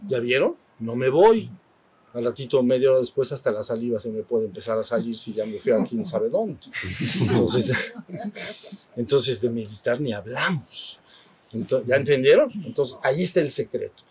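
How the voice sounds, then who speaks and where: A man's voice: mid-range voice, lively intonation, normal speed, a little mellow, husky. A middle-aged man gives a conversational spiritual talk to a group, often asking whether they are following. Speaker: spiritual retreat teacher.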